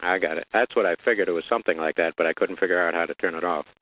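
A man's voice: low-pitched, racing, a bit bright, a little hiss or hum, rough recording. A man calling in to a radio show, asking a hesitant, polite question.

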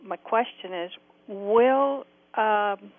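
A woman calls into a radio show, her voice coming through a thin, tinny phone line that sounds dry and close. She sits at a middle pitch and asks politely, pausing on small hesitant fillers. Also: dry recording. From upstate New York. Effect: call-in phone line on a radio show. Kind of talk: radio show caller asking a question.

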